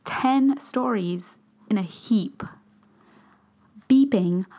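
A woman reading a first-person story aloud, often slipping into a soft whisper. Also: medium pitch. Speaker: narrator.

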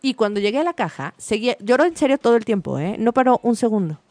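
A woman, chatting casually about parenting and telling a lively anecdote with acted-out voices. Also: a little high, fast talker, no echo. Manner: animated storytelling, acts out voices in anecdotes.

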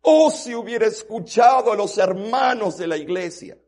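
Casting: distraught young woman, sobbing and pleading, high and loud, as a husky male preacher puts her on. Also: animated, normal speed.

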